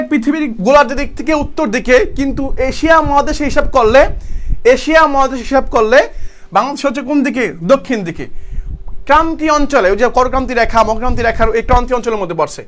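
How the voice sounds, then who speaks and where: A man's voice: extremely high pitch, fast talker, fairly bright tone. A young man from teaching an online exam-prep lecture, asking questions and answering them himself and repeating key terms. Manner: calls students brother, speaks colloquially. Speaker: online tutor.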